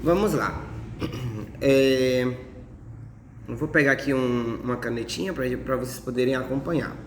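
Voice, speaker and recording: A man's voice: mid-range voice, measured pace, slight background noise. A male Brazilian Portuguese teacher giving an informal lesson, patiently explaining and repeating himself with many fillers. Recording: echoey room with long reverb.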